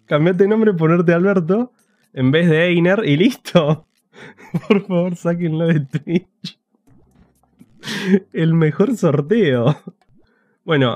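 Talking to his chat with plenty of jokes, a Rioplatense Spanish-accented man gives casual commentary on a game he's streaming live. His voice sits fairly high with a darkish tone, and the recording is dry.

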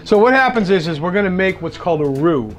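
A man's voice: high-pitched, animated, quick pace, fairly bright tone. A middle-aged man from Massachusetts with a local accent, explaining each cooking step in a chatty, casual way and laughing at himself now and then. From Massachusetts, USA. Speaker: host cooking for dinner guests. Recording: music playing behind the voice.

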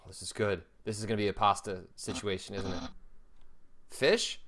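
A man's voice: fairly low pitch, normal speed, a bit bright. A young man casually commenting on a video game, playful and chatty, joking and singing along. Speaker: let's play host. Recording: game music behind.

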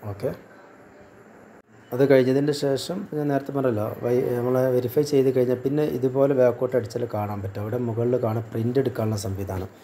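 A man's voice: medium pitch, fairly even intonation, a little fast, mellow, a little hiss or hum. A man walking viewers step by step through an online task, often asking and then answering his own questions. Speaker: tutorial vlogger. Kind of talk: screen-recorded how-to walkthrough.

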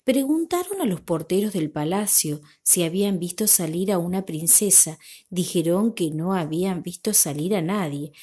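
A woman narrating a classic fairy tale in a measured, expressive storybook reading. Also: on the low side, slightly rough.

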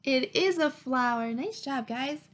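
Reading a picture book aloud to young children, a woman in her thirties uses a high, animated voice at a slightly slow pace, encouraging them with questions and prompts. She's in a small, plain room at home, recorded by a webcam at arm's length.

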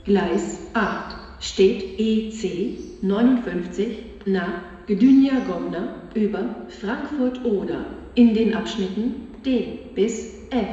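A woman giving a flat, formal automated platform announcement over a station loudspeaker, in pieced-together phrases. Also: mid-range voice, slow pace, faint music behind. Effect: public-address loudspeaker. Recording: muffled, echoey station loudspeaker from far off.

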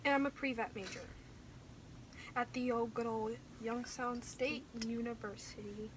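A young woman chats about her college days and tells stories, and she laughs easily. Her voice sits high. A faint hiss of room noise sits behind her. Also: steady tone, measured pace. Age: young adult. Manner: chatty storyteller, breaks into laughter. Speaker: co-host. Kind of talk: casual chat.

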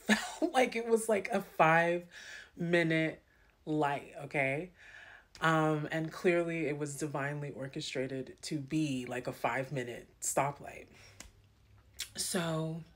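A young woman telling a personal story in a casual, animated way, with many fillers. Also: low-pitched.

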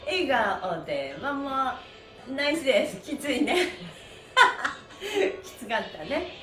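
A woman with a high, very animated voice speaks slowly over music while leading a live stretching class. She's cheerful and encouraging, laughs often, chats with viewers, and chants counts in a roomy, echoing space with faint background noise.

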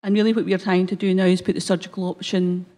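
A woman's voice: fairly low pitch, flat delivery, fast, mellow. A woman with a broad Scottish accent giving a prepared conference presentation at a lectern microphone, somewhat hesitant, with frequent ums. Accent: broad Scottish, Glasgow area. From Scotland. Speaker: conference speaker, health service manager. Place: conference hall stage. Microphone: lectern gooseneck microphone.

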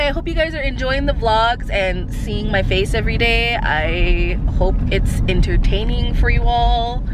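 A young woman in a casual, upbeat vlog, talking to the camera from inside a car, with lots of fillers. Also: mid-range voice. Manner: chatty, upbeat, many fillers. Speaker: vlogger. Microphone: handheld camera close to the face. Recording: loud car noise behind.

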